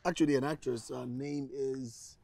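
A man's voice: mid-range voice, fairly even intonation, normal speed, gravelly, dark tone, dry recording. An actor playing an easygoing young man who answers hesitantly and mildly. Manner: hesitant, mild, agreeable. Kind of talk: film drama.

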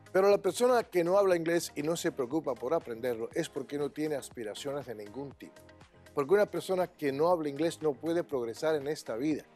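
Un hombre, director de una escuela de inglés, responde una entrevista de forma enfática y tajante, demostrando entonaciones en inglés. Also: male voice, on the high side, darkish tone. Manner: emphatic, opinionated, demonstrates English intonation. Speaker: English teacher and school director. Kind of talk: interview answers.

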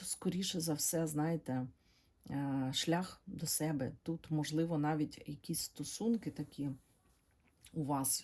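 A woman giving a tarot reading to her viewers, speaking in a gentle, halting way and calling them her dears. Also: low-pitched, breathy edge. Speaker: tarot reader.

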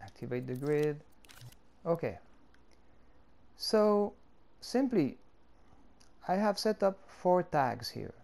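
A tutorial creator, a native French speaker, explains a game editor in French-accented English, one step at a time. His voice sits fairly high, swings widely in pitch, and is creaky and slightly mellow. He takes his time and uses plenty of filler words.

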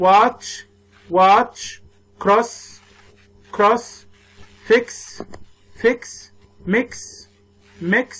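A man with an Egyptian Arabic accent teaching English grammar in a recorded lesson. He explains step by step, asking questions and answering them himself, and reads word lists slowly for the class to repeat. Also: high-pitched, a bit bright, breathy edge, low-quality recording.

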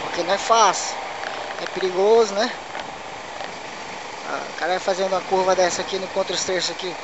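A man's voice: high voice, fairly even intonation, brisk. A man from Manaus, Brazil, with a local Brazilian Portuguese accent, chatting in slangy casual commentary while riding a motorcycle on city roads. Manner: chatty, slangy, chuckles to himself. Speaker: motovlogger. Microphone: helmet or bike camera mic. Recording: loud wind and engine noise.

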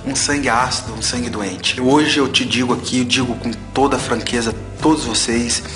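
A man in his forties gives health advice in a home vlog with an emphatic, preachy delivery. He circles back over the same points. His voice sits in a middle register, with soft music faintly behind. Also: medium pitch, steady tone, normal speed. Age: 40s. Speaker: health vlogger.

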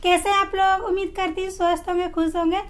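A young vlogger chats casually with her viewers, filming herself at arm's length on a phone as she moves around her rural house and yard and speaking to the audience often. Her voice is very high with little pitch movement, and she talks quickly.

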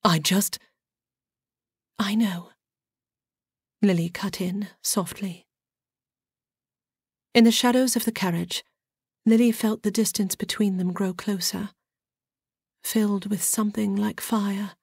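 A woman narrating a historical fantasy audiobook in a measured, softly dramatic reading. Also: mid-range voice, fairly even intonation, gravelly, breathy edge, no room sound.

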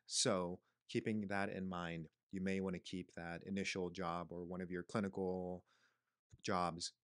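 A man in his thirties co-hosts a podcast from a small quiet room. His voice sits low, and he talks casually, running through items one by one. The sound is dry and close on a studio mic. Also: no echo. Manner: relaxed, listing points with fillers. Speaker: podcast co-host, clinic owner. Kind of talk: casual explanatory podcast talk. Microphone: studio mic on stand, headphones.

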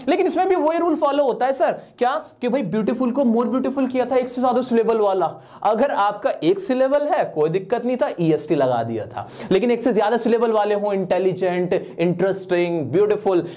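A man's voice: sits high, a little mellow. A male grammar teacher who writes on a board as he explains. He keeps asking questions and answering them himself, and he sometimes speaks the part of an imagined student asking him something. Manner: asks his own questions and answers them. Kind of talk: classroom grammar lesson. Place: at a whiteboard, writing while teaching.

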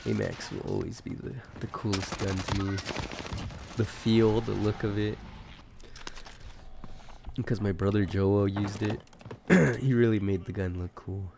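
A man with a low, gravelly voice rambles casually as he comments on gameplay. He sounds sick and keeps clearing his throat, swearing freely as he talks. The recording carries a steady hiss of noise behind him. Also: a little slow, long pauses. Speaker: gaming commentator.

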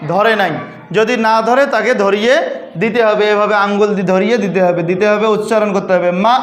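A teacher from Bangladesh giving a lesson, drilling letter names aloud and asking the class questions. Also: medium pitch. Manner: asks the class questions and answers them. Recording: echoey room with loud noise.

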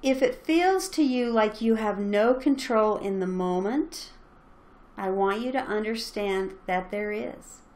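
A woman's voice: mid-range voice, darkish tone. A middle-aged woman giving an earnest, encouraging motivational talk as a parenting coach, speaking straight to her listeners.

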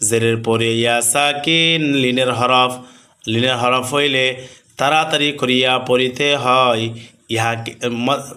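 A man teaching Quran recitation rules, chanting drawn-out examples and then explaining quickly, asking questions and answering them himself. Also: mid-range voice, pushed and bright. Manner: slow sung recitation alternating with rapid rule explanations.

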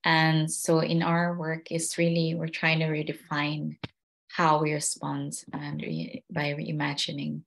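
A woman's voice: deep voice, monotone, a little slow, gravelly, fairly bright tone, low-quality recording. A woman presenting slides over a video call from a small room, talking with many fillers and restarts. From Philippines. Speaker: guest speaker. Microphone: laptop mic on video call.

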